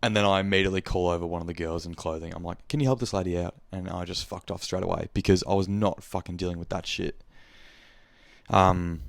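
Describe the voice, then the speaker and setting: A man's voice: low voice, level tone, brisk, gravelly, dry recording, clean studio sound. A young man with an Australian accent, hosting a podcast in a casual, rambling monologue, speaking frankly and swearing freely. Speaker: podcast host.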